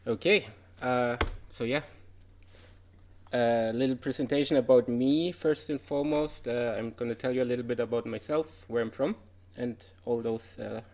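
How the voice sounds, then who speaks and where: A man's voice: mid-range voice, moderate pace, a little mellow. A man, giving an informal presentation about his game development career, chatty and full of "uh" fillers. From Germany. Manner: chatty, with frequent "uh" fillers and light laughs. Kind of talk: informal conference talk.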